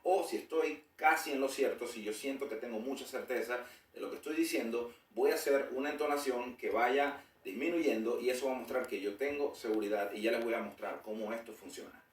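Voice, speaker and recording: A man's voice: mid-range voice, a little fast, few pauses, echoey room, far from the mic, poor audio. A man explaining a grammar lesson as a teacher, demonstrating intonation with sample sentences. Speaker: English teacher.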